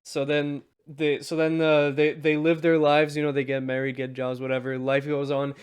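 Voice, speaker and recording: A man co-hosting a podcast, with a smooth, resonant voice pitched a little high. He talks in a relaxed, easygoing way. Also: normal speed. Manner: laid-back, laughs easily while retelling. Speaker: podcast co-host. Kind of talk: casual chat.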